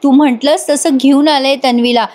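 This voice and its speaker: A woman's voice: high-pitched, fairly even intonation, moderate pace, darkish tone, close to an everyday voice. Woman reading as a chatty, teasing young woman. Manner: chatty, familiar.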